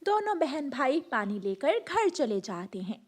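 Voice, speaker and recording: A woman narrates a children's cartoon story in a clear, expressive way. Her voice is high and lively, rising and falling as she tells the story. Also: unhurried.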